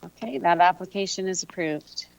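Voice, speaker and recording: A woman's voice: lowish voice, moderate pace, creaky. A woman chairing a committee meeting in formal, procedural language. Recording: dull, dry meeting audio.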